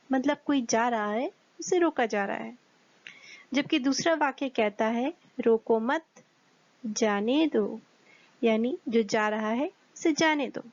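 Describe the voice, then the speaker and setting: A woman teaches young students with a slow, careful delivery. Her voice sits somewhat high, and she stops often to ask the class questions. The recording is dull and lo-fi, with no room echo. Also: a little mellow. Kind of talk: Hindi grammar lesson for children.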